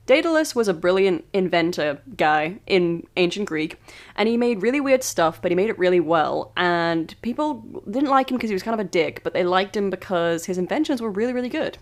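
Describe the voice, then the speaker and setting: Woman, casual storytelling podcast, animated pitch, rambling asides. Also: brisk. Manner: chatty, rambling, giggly asides.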